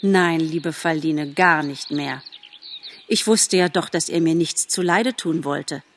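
A woman's voice: lowish voice, moderate pace, breathy edge. Gobo, a woman as a boastful young buck. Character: young male deer, boastful and earnest.

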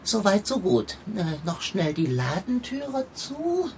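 Woman doing a sneaky fat tomcat from a kids radio play, slow and fancy-talking, voice swooping way up and down. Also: medium pitch, very animated, a little mellow, a little hiss or hum. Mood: scheming. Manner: old-fashioned, theatrical phrasing; wheedling and mock-innocent. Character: sly, pompous male tomcat, plump and scheming. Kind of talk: children's radio play acting.

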